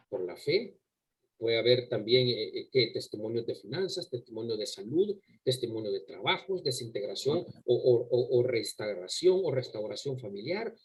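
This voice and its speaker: Husky-voiced male preacher, emphatic. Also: medium pitch, a little mellow, poor audio. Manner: emphatic, asks the listeners rhetorical questions; repeats words and restarts while preaching. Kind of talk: sermon to a congregation. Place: church service before a congregation.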